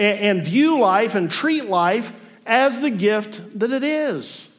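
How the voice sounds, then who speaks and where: A man in his forties preaching a sermon to a congregation in a room, reflective and thoughtful, with dry self-deprecating humor. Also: very high-pitched. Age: 40s. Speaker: pastor.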